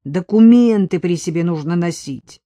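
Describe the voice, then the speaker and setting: A woman voicing a gruff middle-aged male police sergeant who scolds loudly. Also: mid-range voice, very animated, unhurried, dry recording, clean studio sound. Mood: stern. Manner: stern, scolding, loud.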